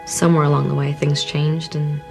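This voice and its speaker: A woman's voice: low voice, flat delivery, fairly quick, creaky, over music. An actress in a film playing a lonely young woman who kidnapped someone and resents her family, speaking in a wistful, self-pitying way. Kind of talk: film dialogue.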